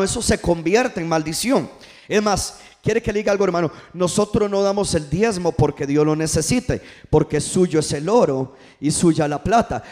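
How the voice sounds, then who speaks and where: A man's voice: fairly high pitch, a little mellow. A male pastor preaching a sermon in church, calling the congregation to answer back. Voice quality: preaching with call-and-response to the congregation.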